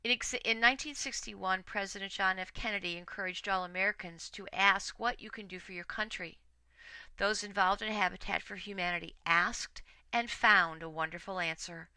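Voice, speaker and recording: Bright, crisp-voiced woman teaching writing. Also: medium pitch, moderate pace, no room sound, poor audio. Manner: conversational, with fillers and self-corrections. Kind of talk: recorded classroom lecture.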